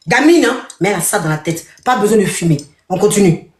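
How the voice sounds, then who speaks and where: A woman's voice: mid-range voice, lively intonation, quick pace, darkish tone. Mocking woman ranting in an echoey room. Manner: mocking, repetitive, addresses a rival directly. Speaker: online commentator. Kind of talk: live video rant.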